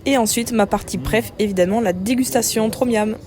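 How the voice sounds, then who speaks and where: A woman's voice: mid-range voice, a little fast, a little mellow. A young woman from France talking to her phone in a casual travel vlog, chatty and self-mocking, with lots of fillers. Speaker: travel vlogger. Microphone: phone held by hand.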